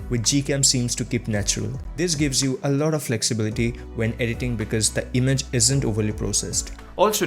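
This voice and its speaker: Man giving tidy tutorial advice over music. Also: medium pitch. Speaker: host of a tech tutorial channel. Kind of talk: scripted tutorial narration, addressing viewers. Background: background music.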